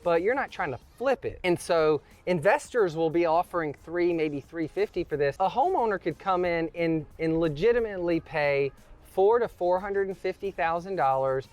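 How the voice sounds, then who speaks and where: A man's voice: fairly high pitch, expressive, moderate pace. A man hosting a house walkthrough, explaining prices and renovation costs in a joking, talkative way. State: out of breath after climbing. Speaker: real estate host. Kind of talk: walkthrough commentary.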